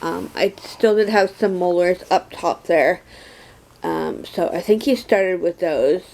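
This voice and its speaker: A young adult woman giving a casual personal update, halting, her speech slurred and lisping from having no teeth. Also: on the low side, vocal fry, a little mellow, poor audio. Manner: slow, halting, with many pauses. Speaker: vlogger.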